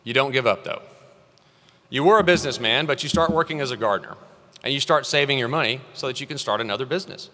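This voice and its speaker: A man's voice: mid-range voice, fast talker, bright, forceful tone. Earnest man giving a commencement speech. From Texas. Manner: earnest, encouraging, rising emphasis on key phrases. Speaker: commencement speaker. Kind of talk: commencement address. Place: large hall at a graduation ceremony. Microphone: podium microphone. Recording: long reverb of a large hall.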